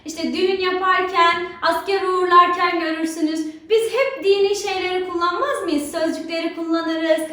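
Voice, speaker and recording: A woman teacher with a very high voice talks children through a lesson, constantly checking in with rhetorical questions. She is recorded in a strongly echoing room, and her voice sits well away from the microphone. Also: fairly even intonation, moderate pace, hardly any pauses, bright, forceful tone. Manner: keeps asking rhetorical questions to draw pupils in. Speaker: religion teacher. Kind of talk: recorded remote lesson for schoolchildren. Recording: very echoey room, voice far from mic.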